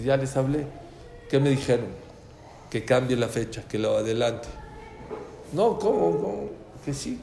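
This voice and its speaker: Male religious teacher, mid-pitched, animated storyteller who voices the characters in his anecdotes; roomy recording with faint background noise. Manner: animated, acts out dialogue in stories. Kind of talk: storytelling lecture. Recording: echoey room with faint ambient noise.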